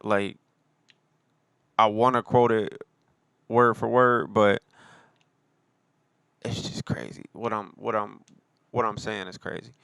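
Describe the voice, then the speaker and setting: Casual rapper guy talking about his album, chill and slangy, really smooth voice, dry close mic. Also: lowish voice, slow, long pauses, a bit bright, no room sound. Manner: laid-back, heavy on fillers and slang. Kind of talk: casual solo talk.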